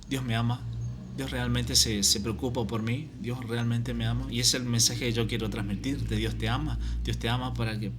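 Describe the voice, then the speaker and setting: A man gives his personal faith testimony, halting and restarting often and tagging his sentences with a repeated question. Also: medium pitch, fairly bright tone, slight background noise.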